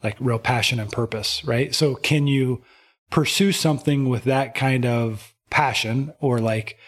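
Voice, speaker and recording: A man's voice: medium pitch, a little slow. Brief: male coach co-host, casual and thoughtful talker, mid-range voice. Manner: thoughtful, uses "like" fillers. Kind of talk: casual chat.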